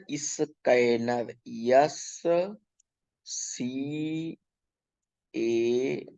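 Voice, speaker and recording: A male teacher going through a children's workbook lesson, reading English questions slowly, explaining in Hindi, spelling words letter by letter and often checking "ठीक है". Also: mid-range voice, a little mellow, lo-fi sound. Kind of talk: workbook lesson for young pupils.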